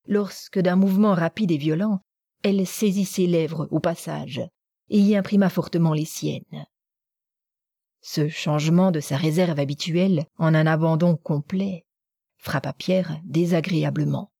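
A woman narrates a novel in an audiobook. Her voice is low-pitched, warm and mellow with a husky grain. The recording is close and dry. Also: measured pace, no room sound.

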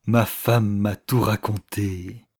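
A woman voicing an emotional elderly prince who speaks slowly in a deep, put-on voice. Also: steady tone, a little mellow, husky, dry recording, studio quality, full character voice. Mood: effusive. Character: emotional elderly male prince, fatherly, tearful.

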